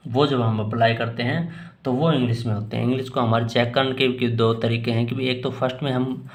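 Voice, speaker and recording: A man's voice: mid-range voice, fairly even intonation, fairly quick. A man with a Hindi accent, an English teacher answering student questions in a casual spoken lesson, rambling and often restarting his sentences. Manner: rambling, repeats and restarts phrases. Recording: echoey room.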